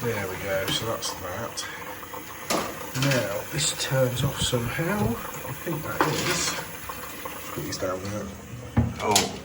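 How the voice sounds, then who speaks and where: A man's voice: lowish voice, lively intonation, slow pace. Under-the-weather British man muttering through jobs over noise. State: unwell, runny nose. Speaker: plumber filming his jobs. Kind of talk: casual work vlog, talking through tasks. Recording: noisy, clicks and vehicle sounds.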